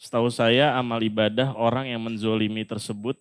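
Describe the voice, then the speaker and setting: A man's voice: medium pitch, little pitch movement, fairly quick, clean tone, dry recording. A man moderating a religious Q&A, politely reading out questions from the audience. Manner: polite, deferential to the teacher.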